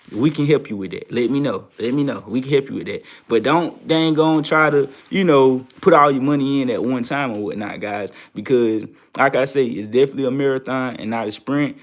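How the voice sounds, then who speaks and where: A young man hosting a trading show, talking casually and repeating phrases for emphasis. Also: mid-range voice. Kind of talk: casual advice talk to viewers.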